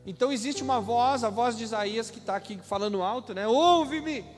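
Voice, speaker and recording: A man with a Brazilian Portuguese accent, a pastor preaching a sermon in a conversational way that rises to loud shouted scripture readings. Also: high-pitched, fast talker, soft background music. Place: church hall. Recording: live church sound with long hall reverb and instruments behind.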